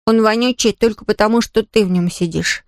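A woman voicing a stubborn, anxious boy under ten who talks quickly and defensively. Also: mid-range voice, no room sound, studio quality, close to an everyday voice.

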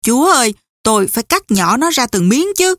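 A woman reading a brash young man on the run who talks fast and swears often, in an audiobook. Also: mid-range voice, expressive, no echo, studio quality, close to an everyday voice. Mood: indignant. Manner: rough, swearing, hurried.

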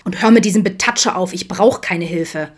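A woman voicing an irritable, defensive young male camp counselor who snaps gruffly and loudly in a storybook reading. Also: fairly low pitch, fairly even intonation, moderate pace, close to an everyday voice. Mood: snapping.

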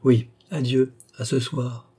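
A man reading an audiobook, voicing a stern and ceremonious young nobleman in a solemn, measured way. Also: mid-range voice, fairly even intonation, mellow, husky, voice pushed up. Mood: grave.

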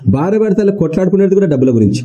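Preacher man with a very dark voice. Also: sits high, sing-song, rapid-fire, dull audio. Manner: rhetorical questions to the congregation; repeats key words for emphasis. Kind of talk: sermon.

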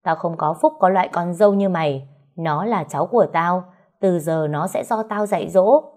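A woman voicing a domineering older mother-in-law who scolds and shouts with scorn. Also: fairly low pitch, normal speed, natural voice. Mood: contemptuous.

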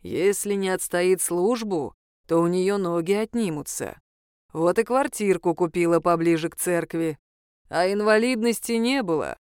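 A woman voicing a gruff, mocking male reaper who speaks curtly and drily. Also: on the low side, unhurried, darkish tone, dry recording, lightly acted. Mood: stern. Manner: dry, sarcastic, curt. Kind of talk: audiobook character voice.

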